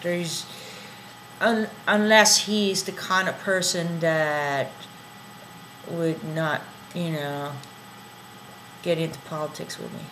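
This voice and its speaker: A woman's voice: lowish voice, fairly even intonation, takes it slowly, pauses often, background noise. Hesitant woman chatting casually. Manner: hesitant, trailing off with fillers. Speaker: co-host. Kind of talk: casual chat.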